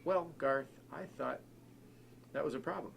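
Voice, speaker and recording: A kindly middle-aged woman schoolteacher, gently firm with her pupil, as a man reading aloud puts her on. The voice stays low with a gravelly edge under it. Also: a little slow, slight background noise.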